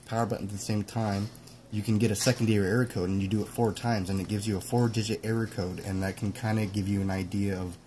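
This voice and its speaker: A man's voice: on the low side, fairly even intonation, fast, a little mellow, a little hiss or hum. A man casually explaining a console repair as he works, talking in a rambling way and correcting himself. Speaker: repair technician explaining hardware. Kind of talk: casual hands-on demonstration.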